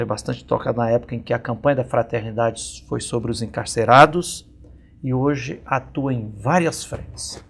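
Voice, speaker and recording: A man from Minas Gerais with a Brazilian accent hosting a community TV interview, speaking slowly with many pauses and fillers. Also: medium pitch, gravelly, breathy edge. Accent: Brazilian Portuguese, Minas Gerais. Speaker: TV program host and interviewer.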